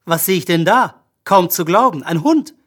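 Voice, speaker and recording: A storyteller voicing a theatrical male stage magician who announces his tricks in a grand, drawn-out way. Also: medium pitch, expressive, natural voice. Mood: showy surprise. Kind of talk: audiobook character voice.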